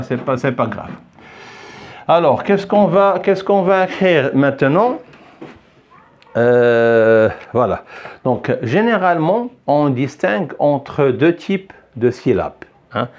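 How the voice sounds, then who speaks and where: A man's voice: mid-range voice, big pitch swings, takes it slowly, darkish tone, dull audio, a little hiss or hum. An older man teaching a French pronunciation lesson, patiently repeating himself, checking that everyone follows and quizzing a young pupil. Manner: questions and praises a child pupil.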